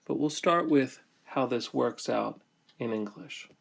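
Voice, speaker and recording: A man teaching a grammar lesson, explaining step by step in slow, deliberate phrases with many pauses. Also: mid-range voice, gravelly, a bit bright.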